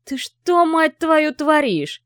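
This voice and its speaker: A woman's voice: medium pitch, big pitch swings, normal speed, darkish tone, no room sound. A cold, scornful father growls and sneers in a harsh, mocking way, as a woman narrator puts him on. The audiobook reading is recorded dry and close, with no room sound. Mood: enraged. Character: menacing, scornful rich older father, a man.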